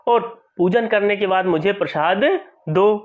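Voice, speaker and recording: An eager husband craving sweets pleads with rising excitement, as a teacher reads his lines. The voice sits high and lifts further on each plea. The sound is dull and lo-fi. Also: measured pace.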